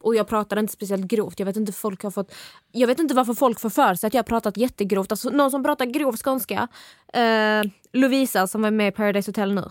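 A woman's voice: mid-range voice, dry recording, clean studio sound. Young woman with a mild Scanian accent. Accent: mild Scanian Swedish. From southern Sweden. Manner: animated, talks in quick bursts with quoted asides. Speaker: podcast co-host. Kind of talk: casual chat.

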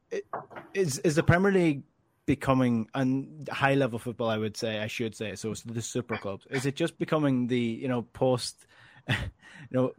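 A man's voice: medium pitch, dry recording. A man with an Irish accent hosting a casual sports discussion, earnest and emphatic, often rephrasing himself. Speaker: football podcast host.

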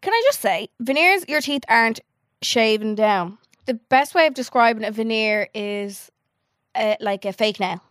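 A woman's voice: a little high, animated, normal speed, fairly bright tone, dry recording. Young irish woman, podcast co-host, slight lisp, chatty storyteller, dry close sound. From Ireland. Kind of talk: casual chat.

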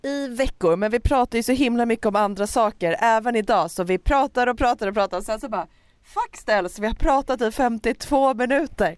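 A woman's voice: a little high, clear, resonant tone, no room sound, clean studio sound. A young woman co-hosting a casual chat, talking in a playful, reflective way. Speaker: podcast co-host.

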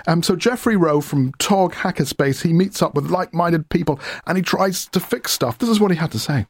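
Guy hosting a radio feature, chatty, a bit high voiced, dead dry mic. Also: expressive, a little fast, husky, dry recording. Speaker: reporter and host. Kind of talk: radio feature and street interviews.

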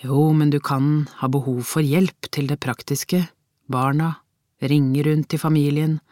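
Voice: mid-range voice, level tone, mellow, no echo, clean studio sound, close to an everyday voice. A reader voicing a busy, practical police colleague in an audiobook, talking in a businesslike, matter-of-fact way. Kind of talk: audiobook character reading.

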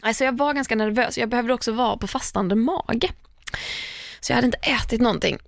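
A woman's voice: on the high side, gravelly. A woman telling a personal story in casual chat, laughing often, swearing casually and acting out what others said.

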